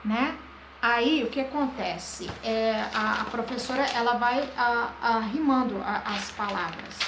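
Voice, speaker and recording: A woman with a fairly high voice teaches phonics informally, pausing and repeating filler words as she searches for what to say. She talks very slowly and draws out her explanations. The recording sounds roomy, with a faint hum of noise behind her. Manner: slow, drawn-out explanations. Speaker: English teacher. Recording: echoey room with faint background noise.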